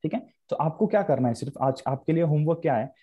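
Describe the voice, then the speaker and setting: A man's voice: on the high side, animated, fast, dark tone, slightly rough, muffled recording. A young man teaching English grammar in a live online class, explaining in Hindi with English terms and repeating key points.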